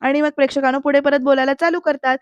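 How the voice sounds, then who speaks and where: A high-voiced woman narrating a TV episode recap as a voice-over. She talks straight to her viewers in a chatty, running way. The sound is dry and close, with no room around her. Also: steady tone, quick pace, no echo, highs cut off. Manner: chatty, addresses viewers directly with tag phrases. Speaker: serial reviewer. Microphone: close mic, voice-over.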